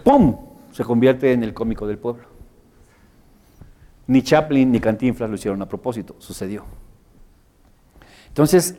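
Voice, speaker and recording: A Mexican man leads a workshop in a room full of participants. His voice sits at an ordinary, middle pitch. He jokes with the group and drops his voice low and soft when he acts out examples. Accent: Mexican Spanish. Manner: animated, joking, acts out examples. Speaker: workshop instructor. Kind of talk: live workshop teaching. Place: workshop room with a live audience.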